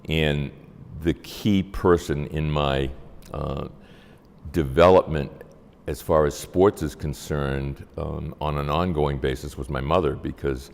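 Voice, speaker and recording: An elderly man shares oral history in an exceptionally deep voice. He speaks in measured, halting phrases with frequent pauses. The recording carries a long, hall-like reverb. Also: fairly even intonation, gravelly. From Massachusetts, United States. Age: 70s or older. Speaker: interviewee.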